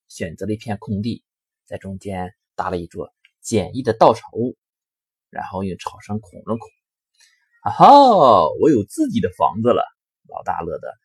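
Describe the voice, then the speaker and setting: A man narrating a children's story in a lively, expressive reading. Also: fairly low pitch, breathy edge, dry recording. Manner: lively, expressive reading with sharp rises in volume.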